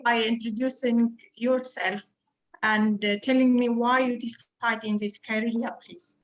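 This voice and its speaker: Higher-voiced Syrian woman interviewer. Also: fairly even intonation, low-quality recording. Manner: halting, many fillers like "you know, like". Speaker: interviewer, community support coordinator. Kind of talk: interview questions.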